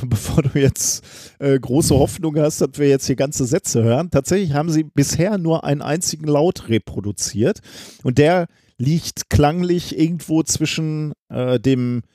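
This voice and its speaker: A man's voice: fairly high pitch, measured pace, warm tone, no room sound, clean studio sound. A man co-hosting a science podcast, explaining at length in a casual way with plenty of ums and tag questions. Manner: long explanations with many filler sounds and tag questions. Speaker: podcast co-host presenting a science story.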